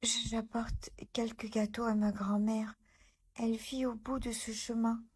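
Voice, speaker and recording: A sweet, timid little girl from a children's fairy tale, as a woman reading aloud puts her on. Her voice is small, high and soft, and a little breathy. She speaks slowly and gently.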